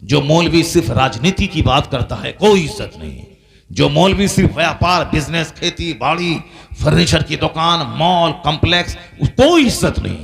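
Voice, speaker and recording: A man's voice: on the high side, lively intonation, normal speed, gravelly, fairly bright tone. A man preaching a sermon, building his points through repeated refrains and rising to impassioned peaks. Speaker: Islamic preacher.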